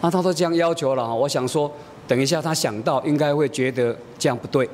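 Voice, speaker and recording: A man preaching a sermon as a pastor, telling a family story and acting out the dialogue. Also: quick pace. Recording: echoey hall, faint rumble.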